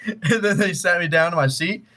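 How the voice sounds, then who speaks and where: A young adult man co-hosting a podcast and judging the game, telling a story in a casual, animated, heavily profane way with frequent restarts. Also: high-pitched, moderate pace. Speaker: podcast co-host and judge.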